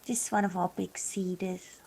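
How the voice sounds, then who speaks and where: A woman's voice: on the low side, fairly even intonation, moderate pace, creaky, a little mellow, slightly rough. A woman hosting an online book launch over a video call, chatty and playful, teasing the audience and owning up to being a stickler for the rules. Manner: self-described stickler for rules. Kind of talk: casual chat on a video call. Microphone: video call mic.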